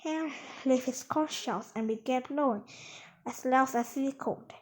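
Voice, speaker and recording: A woman reading a children's adventure book aloud in a lively way. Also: high voice, measured pace, rough recording. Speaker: storyteller.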